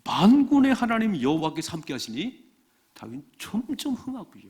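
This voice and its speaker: A male pastor preaches at a church service with a slightly husky voice. His pitch rises and falls in a lively way, and he repeats key phrases with emphasis. When he reads scripture, he slows down and draws the words out. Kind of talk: sermon.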